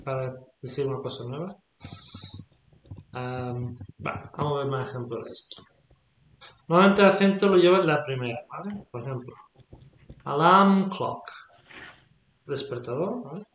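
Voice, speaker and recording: A man's voice: mid-range voice, animated, moderate pace, long pauses, fairly bright tone, muffled recording. A man teaching English vocabulary, patiently repeating words and checking that the student follows. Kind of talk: explaining vocabulary in a lesson. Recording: echoey room.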